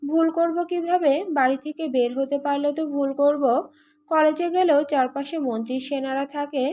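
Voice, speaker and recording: A woman plays a playful young sister in a storybook romance, teasing and a little pouty. Her voice sits high and light. She argues with easy cheek. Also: fairly even intonation, moderate pace, warm tone, natural voice.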